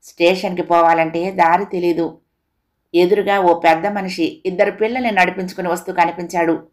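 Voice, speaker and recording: A woman's voice: on the low side, normal speed. Woman reading a children's story. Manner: steady, expressive reading.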